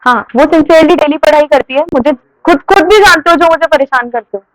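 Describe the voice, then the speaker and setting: A woman's voice: high-pitched, a little fast, no room sound, poor audio. A young woman teaching a commerce class. She asks questions and answers them herself, and she firmly scolds students who disrupt the lesson. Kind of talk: classroom lecture.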